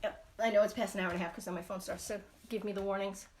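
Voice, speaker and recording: A woman's voice: medium pitch, steady tone, racing, a little hiss or hum. Blunt, foul-mouthed New woman. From Brooklyn, New York. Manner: blunt and profane, rambling with many fillers. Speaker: knitting live-stream host. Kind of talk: casual live-stream chat.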